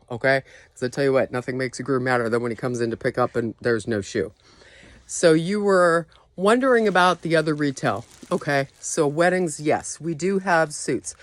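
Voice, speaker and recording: An informal, instructive store trainer with a voice of middling pitch walks a new colleague through procedures. The delivery is explanatory and practical, regularly pausing to check that the listener follows. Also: no echo. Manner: instructive, checking in often with "okay?". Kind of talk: informal staff training walkthrough.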